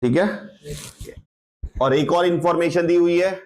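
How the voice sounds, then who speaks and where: High-voiced man teaching physics. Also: a little slow, darkish tone. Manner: explains step by step, keeps checking students follow. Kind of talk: classroom lecture.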